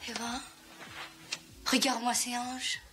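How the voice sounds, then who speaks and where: An actress playing an outspoken grown daughter and jealous wife, candid and teasing, in dubbed film dialogue. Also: female voice, on the high side, flat delivery, slow pace. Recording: film soundtrack with clear music behind.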